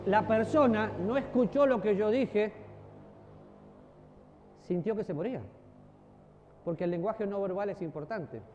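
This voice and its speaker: Animated man preaching in a hall. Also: high voice, measured pace, pauses often, slight background noise. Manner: animated, acts out voices and gestures, jokes with the audience. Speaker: preacher and teacher. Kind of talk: church teaching talk. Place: church hall. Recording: dull audio with long hall reverb.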